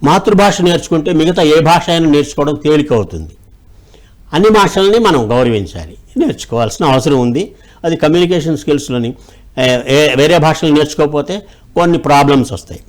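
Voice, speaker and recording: Animated male storyteller, higher voice. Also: fairly quick. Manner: lively, with voice changes and mimicry. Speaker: storyteller guest.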